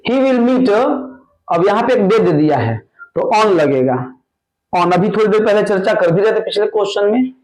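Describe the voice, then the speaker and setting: A man teaching an exam-prep grammar lesson, going slowly and repeating each answer word by word. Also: high-pitched, lively intonation, darkish tone, rough recording. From India. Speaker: English teacher.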